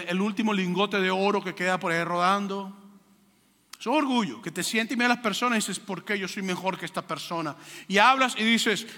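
Venezuelan guy preaching, kinda high bright voice, jokes with the crowd, big hall echo. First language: Spanish. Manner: animated, joking with the congregation. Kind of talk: sermon. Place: church hall with congregation. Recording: live hall reverb.

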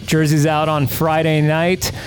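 A man hosting a podcast, loose and profane as he wraps up the episode and reads shout-outs. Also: fairly high pitch, completely flat delivery, a little slow, smooth. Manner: loose, swearing, laughing. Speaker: podcast host. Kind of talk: casual crude banter.

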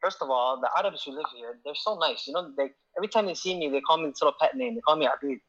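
Fast-talking bright young man, boastful. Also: a little high, highs cut off. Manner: boastful, joking, animated. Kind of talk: casual banter. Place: alone in a room abroad. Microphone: remote video call.

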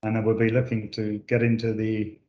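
This UK managing director speaks in a lowish, monotone voice at a brisk clip while fielding interview questions for a company podcast, full of fillers and false starts. The recording is muffled, with a roomy sound.

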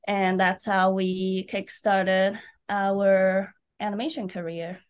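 A woman from Taiwan, an illustrator, telling her story in an interview in an unhurried, thoughtful way. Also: mid-range voice, flat delivery, smooth. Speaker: guest illustrator.

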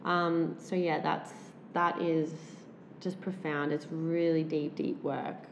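A woman intimacy coach chatting as a podcast guest, enthusiastic and animated, often affirming the other speakers. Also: low-pitched, slow, slight background noise. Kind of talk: casual podcast chat. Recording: roomy echo.

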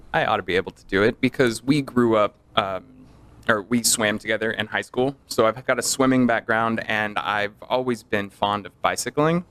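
Low-voiced man, relaxed storyteller. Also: clear, resonant tone. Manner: relaxed, self-deprecating storyteller. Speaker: guest, audio manufacturer rep. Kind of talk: casual podcast chat.

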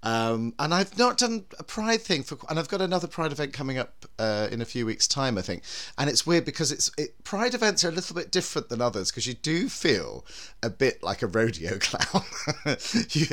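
Camp man with a lively, swooping delivery. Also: mid-range voice, brisk. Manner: camp, theatrical. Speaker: podcast host, drag performer. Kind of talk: theatrical show introduction and casual chat.

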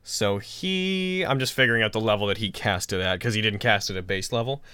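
A man's voice: lowish voice, a little fast, sharp tone, clean tone, no room sound. A man improvising narration as the game master of a tabletop role-playing game.

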